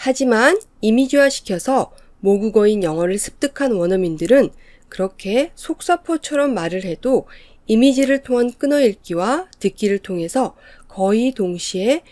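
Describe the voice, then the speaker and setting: Measured woman teaching in a dry, mellow voice. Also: on the high side, expressive, dry recording. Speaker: English teacher. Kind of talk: scripted lecture narration.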